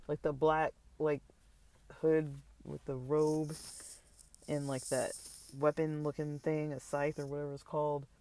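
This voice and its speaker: A tired, yawning man rambles through a casual vlog update about his online store, full of fillers and restarts. He's an online seller, and his voice is fairly high with a somewhat dark tone.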